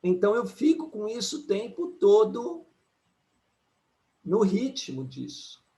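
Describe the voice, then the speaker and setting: A man, an astrologer and numerologist, giving an animated live talk and often tagging his points with "né?". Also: high voice, slow pace. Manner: animated, keeps asking "né?", acts out quotes. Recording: echoey room.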